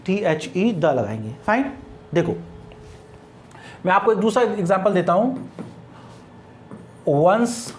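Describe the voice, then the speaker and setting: A man's voice: high-pitched, sing-song, normal speed, long pauses, slight background noise. A male English grammar teacher giving a lesson, repeating key points, posing questions and answering them himself, and dictating example sentences word by word. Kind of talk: classroom-style grammar lesson.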